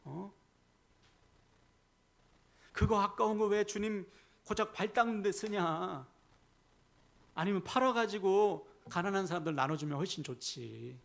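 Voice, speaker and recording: Man doing a stingy scornful disciple, blunt scolding tone, gravelly, somewhat high pitch. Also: measured pace, pauses often, a bit bright, exaggerated voice. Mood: grudging scorn. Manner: blunt, scolding street talk. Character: grudging, scornful disciple grumbling about waste.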